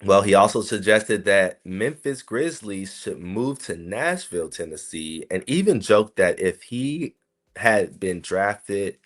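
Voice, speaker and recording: Deep-voiced man chatting on a podcast. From South Carolina, USA. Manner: chatty, rambling, frequent asides to listeners. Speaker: podcast host. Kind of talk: casual solo podcast commentary.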